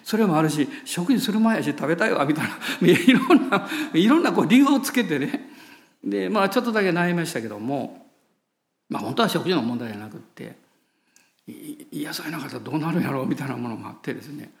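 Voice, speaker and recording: Male pastor, Kansai accent, animated storytelling sermon, very lively pitch. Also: fast talker. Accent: Kansai Japanese. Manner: animated storyteller, laughs at himself.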